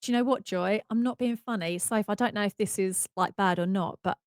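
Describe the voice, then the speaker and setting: A woman's voice: medium pitch, a little fast, dry recording, clean studio sound. A woman hosting a podcast in casual, chatty conversation, laughing often and exclaiming. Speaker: podcast host. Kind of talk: casual chat.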